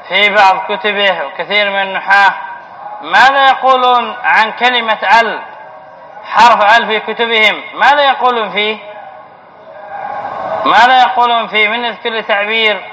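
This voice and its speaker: High-voiced sheikh teaching grammar. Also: male voice, sharp tone. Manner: asks the class questions and answers them himself. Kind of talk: classroom grammar lesson. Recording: dull lo-fi lecture recording with faint hiss.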